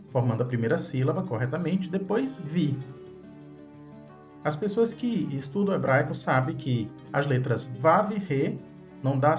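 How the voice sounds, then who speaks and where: Man teaching, patient tag questions. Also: on the high side. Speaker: Bible language teacher. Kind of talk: explanatory video lesson. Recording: dull lo-fi sound. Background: faint background music.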